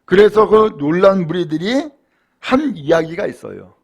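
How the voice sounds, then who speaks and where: A male pastor preaching in a church, with a fairly high, gravelly voice. He drops to a hushed, low register to tell the story, then rises into emphatic preaching. He keeps asking his listeners rhetorical questions. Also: animated, unhurried. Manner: swings between hushed low telling and raised emphatic preaching. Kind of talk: sermon.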